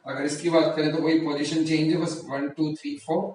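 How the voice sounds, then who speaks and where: A man's voice: fairly high pitch, flat delivery, fairly quick, darkish tone. A man teaching a chemistry lesson, repeating key terms and asking himself rhetorical questions, recorded in a room from a distance. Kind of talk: classroom lecture. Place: classroom or coaching room. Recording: very echoey room, mic at a distance, faint noise.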